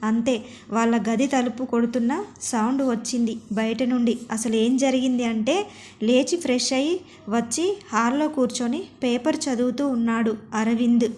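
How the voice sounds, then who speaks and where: A woman with a fairly high voice reads a scripted story aloud. Her delivery is steady and expressive, carrying the listener through each scene. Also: moderate pace.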